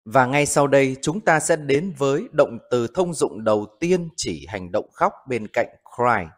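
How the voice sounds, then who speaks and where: A man hosts an English vocabulary lesson, speaking slowly and clearly. His pitch rises and falls widely as he stresses each new word. He repeats the example sentences carefully for learners. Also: expressive. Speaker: English teacher.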